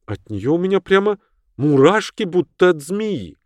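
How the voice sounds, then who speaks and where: Man doing a shrill gushing society lady. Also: very animated, a little slow, no echo. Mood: uneasy. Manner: shrill, theatrical, baby-talks her dog. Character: fussy, gushing society lady, middle-aged woman. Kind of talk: audiobook character reading.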